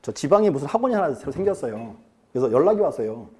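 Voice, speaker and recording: A man's voice: on the high side, big pitch swings, quick pace, mellow. A male lecturer teaching a class in a chatty way, quizzing students and acting out quotes. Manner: chatty, asks the class questions and acts out quotes. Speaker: real estate law lecturer.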